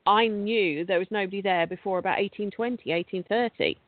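A woman's voice: medium pitch, brisk, no echo. A woman, a paranormal investigator telling stories in a casual, rambling way with frequent restarts. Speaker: guest, paranormal investigator and podcast host. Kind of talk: casual conversational storytelling. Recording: dry, tinny phone-like call audio.

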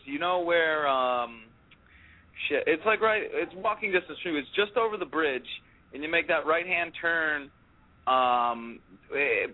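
A man calling in to a radio show over the phone, rambling in a friendly, casual way. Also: fairly high pitch. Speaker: caller. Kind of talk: casual call-in chat. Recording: tinny phone line.

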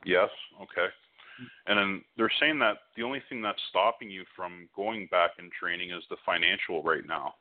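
A man's voice: deep voice, normal speed. A man giving a psychic hotline reading as a medium, speaking reassuringly and often checking that what he says resonates. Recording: muffled, band-limited call audio.

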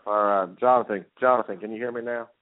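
A man's voice: fairly low pitch, steady tone, quick pace, no echo. A man hosting a sports talk show, fired up and rambling as he jumps from game to game. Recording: tinny phone-like line, dry.

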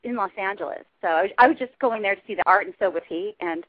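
A woman's voice: mid-range voice, quick pace. Chatty woman on a phone line. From Southern California. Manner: chatty, laughing, explaining. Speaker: guest, life coach. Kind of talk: casual radio interview.

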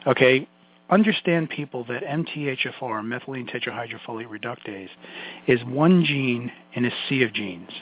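A man's voice: medium pitch, moderate pace, a little hiss or hum. A man with a Brooklyn accent giving an informal health lecture, addressing listeners directly in a folksy way with emphatic asides. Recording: muffled, phone-like lo-fi audio.

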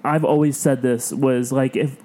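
A man's voice: medium pitch, little pitch movement, moderate pace, a little mellow. A young man co-hosting a comedy podcast, rambling and sarcastic, swearing freely as he vents. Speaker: podcast co-host. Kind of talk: casual comedy podcast chat.

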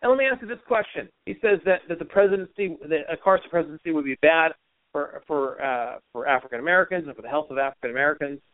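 A man's voice: fairly high pitch, quick pace, no room sound. A man hosting a political talk radio show, giving opinionated commentary full of rhetorical questions. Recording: tinny phone-like audio.

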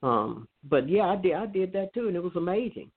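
A man's voice: sits high, big pitch swings, fairly quick, husky. A man in casual spiritual chat, talking in an earnest, meandering way with many fillers. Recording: tinny phone line.

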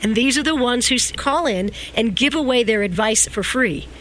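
A woman hosting a radio interview, effusive and quick to praise her guest. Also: a little high, animated, fairly bright tone. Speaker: radio show host.

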